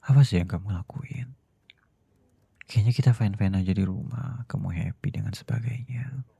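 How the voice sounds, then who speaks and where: A man voicing a stern boss who is also a doting husband, in a whispered role-play that goes from cold scolding to soft pleading. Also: sits low, a little slow, gravelly, husky, no room sound, exaggerated voice. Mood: gentle pleading. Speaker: voice actor.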